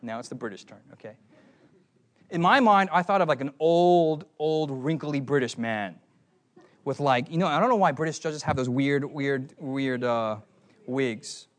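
A young man preaching a sermon, animated and often asking his listeners questions. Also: mid-range voice, unhurried. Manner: animated, asks the audience questions.

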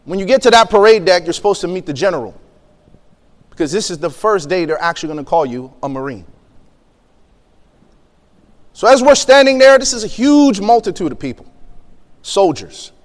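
A high-pitched man tells a story in a sermon, slipping into the voices of the people he quotes and laughing between lines. His voice rings with the long reverb of a big hall. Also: expressive, normal speed, pauses often. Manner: vivid storyteller, acts out quotes, laughs often. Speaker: preacher.

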